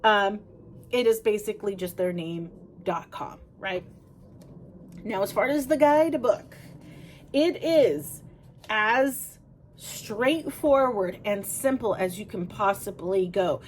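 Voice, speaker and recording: A woman with a medium-pitched voice speaks at a slow pace, with a little hiss or hum in the background. She chats casually while flipping through and reviewing a tarot deck, addressing her viewers directly and fixing her own words along the way.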